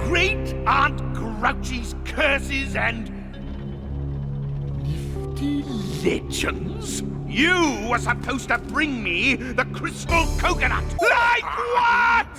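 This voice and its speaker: A man voicing a pompous, scheming, short-tempered reptilian villain king in an animated cartoon, with a bombastic, imperious, exasperated delivery. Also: very high-pitched, drawn-out words, gravelly, full character voice. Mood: weary sarcasm. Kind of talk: theatrical animated cartoon acting. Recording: cartoon soundtrack with loud music behind.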